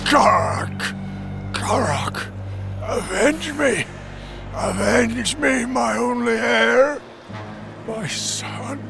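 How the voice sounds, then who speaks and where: A man voicing a desperate, vengeful old wizard who shouts his commands in a strained, gravelly voice. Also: very high-pitched, extremely slow, long pauses, over music, exaggerated voice.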